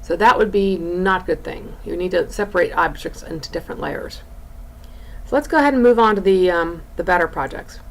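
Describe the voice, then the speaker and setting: A woman college design instructor giving an informal recorded lesson and screen walk-through, explaining in a halting, drawn-out way. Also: on the low side, animated, poor audio. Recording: clear background room noise.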